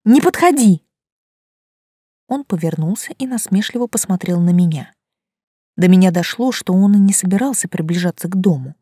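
A woman narrating a first-person audiobook in an even storytelling way. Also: on the low side, brisk, husky, no room sound, studio quality.

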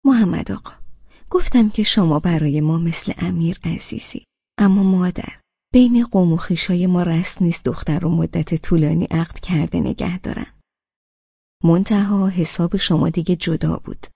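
A woman voicing a fond old grandmother who talks in a halting, motherly way, in an audiobook. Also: lowish voice, vocal fry, warm tone, breathy edge, no echo, lo-fi sound. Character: sweet chatty old grandmother, hesitant and fond. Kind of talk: audiobook character reading.

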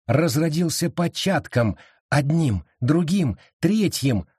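A man narrating an audiobook in a measured, steady storytelling manner. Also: medium pitch, slightly rough, dry recording, clean studio sound. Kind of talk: scripted narration.

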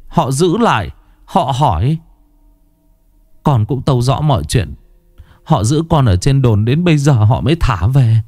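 A man's voice: darkish tone, no room sound, studio quality. A man voicing a skinny young male servant, groveling and stammering in fright. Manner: stammering, pleading, high-pitched.

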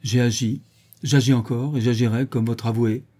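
A man's voice: mid-range voice, fairly even intonation, moderate pace, dark tone, husky, natural voice. A man reading a French audiobook, voicing a relentless middle-aged country lawyer in hammering cross-examination. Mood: stern.

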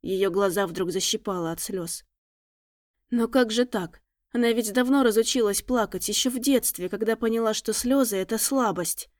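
Woman, audiobook narrator, calm steady reading, dry recording. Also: medium pitch, moderate pace, dry recording. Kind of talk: scripted narration.

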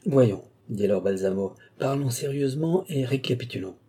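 A self-assured sorcerer count from a classic novel, voiced by a man reading the audiobook. He speaks calmly and persuasively, in a dark, husky tone that never loses its composure. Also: mid-range voice, moderate pace.

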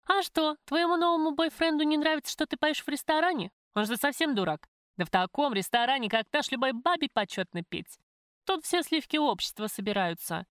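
A woman voicing a blunt, streetwise young waitress who chides her friend, in a lively, raised voice. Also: sits high, brisk, no room sound, studio quality, voice pushed up. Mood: brash. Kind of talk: audiobook character voice.

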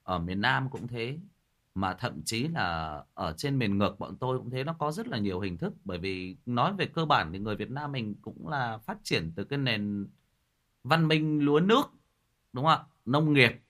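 A man's voice: mid-range voice, lively intonation, moderate pace, fairly bright tone. A young man hosting a casual livestream, chatting with viewers and teasing a commenter like an older brother. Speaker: ghost story livestream host.

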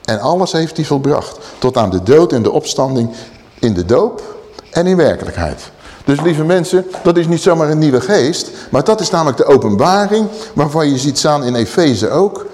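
Emphatic preacher in a reverberant hall. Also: male voice, a little high, normal speed. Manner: emphatic, lively preaching with raised quoted passages. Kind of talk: sermon.

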